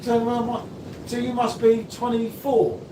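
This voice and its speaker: A man's voice: very high voice, little pitch movement, unhurried, recorded from a distance. A man around fifty, co-hosting a live beer review stream and chatting casually with teasing, rambling banter. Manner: teasing, rambling, chatty, says "mate" often. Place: indoor room, live stream. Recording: roomy, off-mic, faint background hum.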